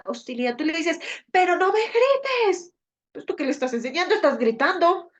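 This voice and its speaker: High-voiced woman explaining parenting. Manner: explanatory, with frequent rhetorical "¿sí?" checks. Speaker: parenting workshop speaker. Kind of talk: live online talk to parents.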